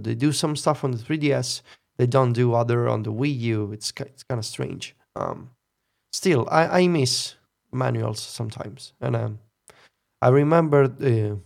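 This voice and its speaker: Gravelly man musing wryly. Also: mid-range voice. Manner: musing, opinionated, wry laughter. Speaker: podcast co-host. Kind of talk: casual chat.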